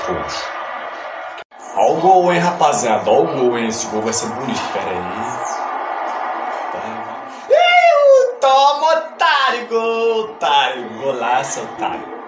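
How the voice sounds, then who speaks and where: A man giving mock commentary on a video game match, loudly taunting and shouting insults. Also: lowish voice, measured pace, long pauses, roomy sound, over music, poor audio. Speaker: comedy sketch creator narrating a video game match. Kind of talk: mock sports commentary over gameplay.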